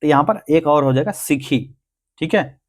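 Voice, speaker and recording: A man's voice: fairly high pitch, moderate pace. A man teaching a grammar lesson for exam prep, going through answers step by step and answering his own questions. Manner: explains answers step by step, asking and answering himself.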